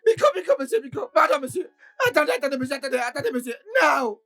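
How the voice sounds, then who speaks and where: A woman dubbing a grovelling, scheming male house employee, with a raspy voice and stammering, wailing pleas. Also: sits high, lively intonation, fast, a bit bright. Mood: pleading. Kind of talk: French film dub.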